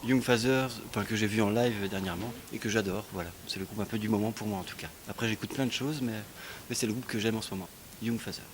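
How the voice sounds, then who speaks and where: A man musician from Belgium answering interview questions in a relaxed, friendly, explanatory way. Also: fairly low pitch, fast, noisy background. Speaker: musician guest.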